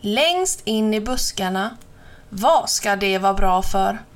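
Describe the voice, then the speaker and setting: A woman voicing an anxious, excitable male crow in a storybook reading. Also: mid-range voice, natural voice. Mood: worried, excitable. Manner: worried, excitable.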